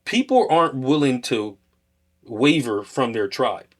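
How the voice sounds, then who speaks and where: A man co-hosting a podcast, talking in a relaxed, explanatory way. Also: medium pitch, measured pace. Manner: relaxed, explanatory, builds points step by step. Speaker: podcast co-host. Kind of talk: casual conversation.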